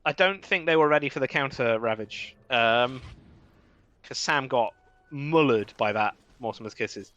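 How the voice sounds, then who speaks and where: A man casting a live esports match, chatty and wry with quick reactions. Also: mid-range voice, fairly bright tone, lo-fi sound. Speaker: esports caster. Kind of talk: live game commentary.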